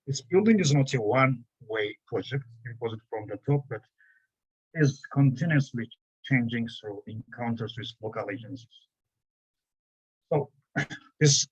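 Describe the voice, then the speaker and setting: A man from Ethiopia, giving an academic conference presentation in a halting way, often pausing on "you know" and restarting his phrases. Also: medium pitch, a bit bright, slightly rough, low-quality recording. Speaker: conference panelist.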